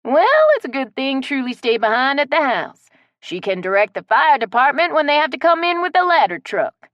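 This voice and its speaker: Woman voicing folksy man, plain-spoken, teasing, raised pitch. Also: sing-song, normal speed, no echo, dull audio.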